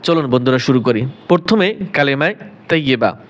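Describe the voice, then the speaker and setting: A man's voice: mid-range voice, animated. A man with a Bangladeshi Bengali accent teaching recitation step by step, drawing out chanted words between brief explanations. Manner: drawn-out chanted recitation alternating with brisk explanation. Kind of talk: slow step-by-step pronunciation lesson. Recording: dull lo-fi sound.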